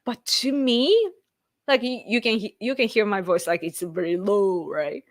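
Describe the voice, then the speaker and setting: There's plenty of laughter as a Japanese woman, late thirties with a Japanese accent, fields viewer questions in a relaxed live-stream chat. She talks a little slowly at a medium pitch, captured in studio quality without echo.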